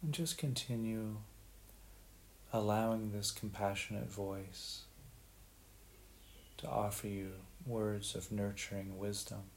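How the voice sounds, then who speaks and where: A man with a lowish voice guides a meditation at a very slow pace. His delivery is gentle and unhurried, with long pauses between phrases. A faint hiss runs behind the recording. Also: fairly even intonation.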